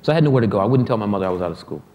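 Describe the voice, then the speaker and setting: A middle-aged guest musician from Detroit, USA, tells stories on stage during an interview before an audience in a hall. His lowish, slightly mellow voice is animated and rapid-fire, and his style is loose, joking and profane. Long hall reverb colors the recording, with slight background noise.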